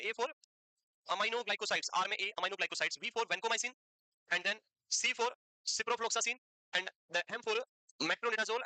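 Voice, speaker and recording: A teacher giving a pharmacology lecture, asking the class quick questions, answering them, and repeating key terms slowly for note-taking. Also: mid-range voice, sharp tone, dry recording, poor audio. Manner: quizzing students with quick questions, then answering. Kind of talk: classroom lecture mixing Hindi and English.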